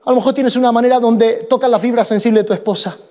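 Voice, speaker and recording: A male pastor delivering an impassioned sermon. His voice sits high for a man, and he repeats himself and restarts phrases as he builds his point. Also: steady tone, fast, dark tone, big-room sound. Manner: impassioned, repetitive, with many restarts.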